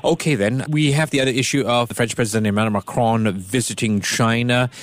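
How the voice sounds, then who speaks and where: Brief: male radio host, mid pitch, dry close studio mic, conversational with a playful touch. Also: steady tone, brisk, dry recording. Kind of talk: radio interview.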